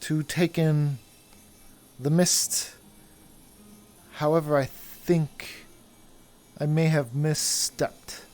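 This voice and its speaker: A man's voice: fairly high pitch, fairly even intonation, darkish tone. A man playing a humble, earnest wanderer. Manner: slow, earnest, formal phrasing. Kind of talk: in-character roleplay.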